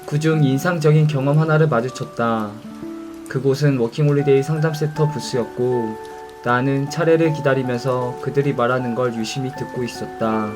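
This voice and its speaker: A young man narrating a scripted reflection in a calm, introspective way. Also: mid-range voice, normal speed, music in the background.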